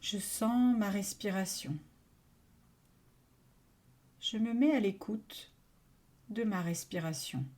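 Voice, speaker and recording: Leading a yoga nidra session, this woman has a medium-pitched voice and a calm, soothing delivery. She offers short phrases of guided relaxation, leaving long pauses between them.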